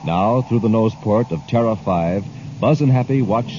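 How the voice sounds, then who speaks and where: A man with a fairly low voice speaks at a moderate pace, announcing and narrating in an emphatic, theatrical fifties radio style. The old radio recording is noisy and muffled.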